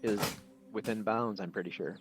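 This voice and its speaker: A man's voice: lowish voice, steady tone, moderate pace, a little hiss or hum, low-quality recording. A man playing in a tabletop game, joking and playful with the group. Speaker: player. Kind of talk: casual tabletop game chat.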